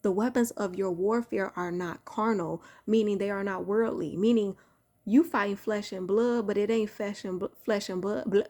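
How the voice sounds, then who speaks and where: A young woman with a Chicago accent preaching casually to her followers, fervent and repetitive, dropping into quiet asides. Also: mid-range voice, steady tone, normal speed, few pauses. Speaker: faith vlogger.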